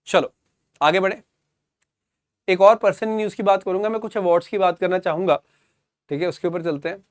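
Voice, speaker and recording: Indian male tutor, high voice, dry close sound, recaps the points again and again for exam students. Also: fairly even intonation, a little fast, dry recording. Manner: explains simply, mixes Hindi with English phrases, repeats key points; calls students "beta". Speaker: exam coaching teacher. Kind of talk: current affairs lecture.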